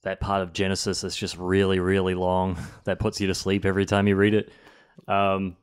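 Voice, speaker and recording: A young man, a barber guest, chatting enthusiastically in a podcast interview in a small home studio on a boom mic. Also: monotone, moderate pace, smooth. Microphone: studio boom mic with headphones.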